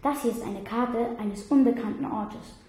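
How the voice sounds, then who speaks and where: A curious old man who reads secret scripts murmurs his answers, as a woman reads him aloud. He sounds like a storybook figure, a little raised in pitch and ringing with heavy room echo. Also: moderate pace, dark tone, natural voice. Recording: very echoey room.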